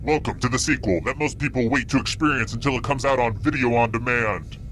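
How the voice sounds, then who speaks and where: A man's voice: medium pitch, a little fast, background noise, close to an everyday voice. An actor playing a sinister male game show host who menaces the players in a sardonic, threatening manner. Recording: music playing behind voice.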